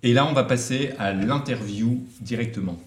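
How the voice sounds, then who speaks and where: A man's voice: mid-range voice, normal speed, over loud music. A man hosting a casual podcast, leading with direct, chatty questions. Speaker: podcast host. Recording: echoey room.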